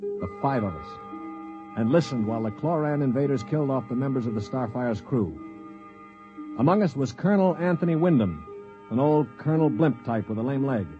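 A man acts in a 1950s radio drama as its narrator and lead, a calm, sardonic hero who is a world-weary space traveler. His natural voice is medium-pitched and brisk, heard on a dull old radio recording with music behind it.

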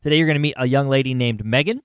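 A man hosting a podcast, talking conversationally with halting phrasing and repeated words. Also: mid-range voice, smooth, dry recording, clean studio sound. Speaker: podcast host. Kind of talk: conversational podcast intro and interviewing.

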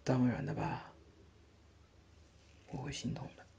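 A man's voice: a little slow, muffled recording, natural voice. A man playing a doting big brother, whispered role-play. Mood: soothing. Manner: soft, soothing, coaxing, lightly teasing. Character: gentle doting older brother, young adult. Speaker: older brother tending a sister's wound.

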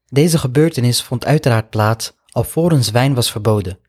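A man's voice: mid-range voice, normal speed, darkish tone, husky. A man telling a religious story as a sermon, earnest and reflective, often adding Arabic honorifics. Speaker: Islamic preacher.

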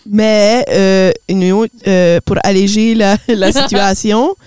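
Québécois woman co-host reacting quickly. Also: mid-range voice, fairly even intonation, darkish tone, clear, resonant tone, no room sound. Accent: Québécois French. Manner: quick reactions, English exclamations mixed into French. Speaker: podcast co-host. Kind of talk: casual chat.

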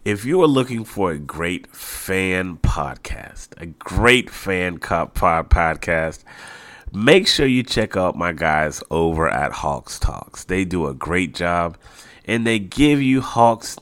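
A man's voice: sits low, expressive, slow pace, a bit bright, no echo. A man hosting a casual solo sports podcast, a little nasal and congested, talking informally and repeating phrases for emphasis. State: mildly congested from allergies. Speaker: podcast host.

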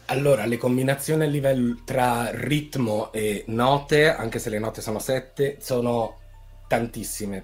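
A man who writes film scores explains his craft in a relaxed, conversational tone. He builds his points step by step with examples, even humming a melody. Faint music plays softly underneath. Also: mid-range voice. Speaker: film composer. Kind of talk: casual explanatory chat.

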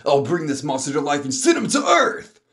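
A man voicing a menacing, gloating dark-magic overlord in a fan audio drama, with theatrical, grandiose delivery. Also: a little high, wildly swooping pitch, a little fast, pitched above the performer's own voice, full character voice. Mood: smug, gloating.

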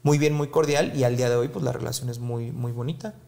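A man with a Mexican Spanish accent tells a personal story as an interview guest. His mid-pitched voice carries a gravelly edge. He keeps the retelling lively and slips into the voices of his family. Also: fast.

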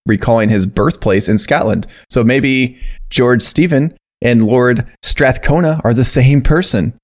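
A man's voice: medium pitch, unhurried. A man co-hosting a casual podcast, reading history notes aloud with fillers and restarts. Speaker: podcast co-host.

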